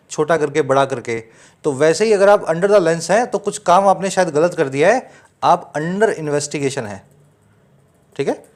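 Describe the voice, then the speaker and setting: A man with an Indian accent teaching English newspaper vocabulary, explaining terms step by step and checking that students follow. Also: fairly high pitch. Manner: reads quoted English slowly. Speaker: English tutor. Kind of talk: Hinglish newspaper lesson.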